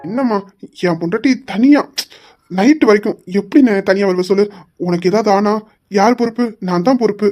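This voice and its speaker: A woman's voice: mid-range voice, dark tone, soft background music, close to an everyday voice. A woman voicing a young husband who teases his wife and insists on going along with her. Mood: teasing. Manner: mock-sweet teasing, drawn-out pleading. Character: young husband, teasing and stubborn.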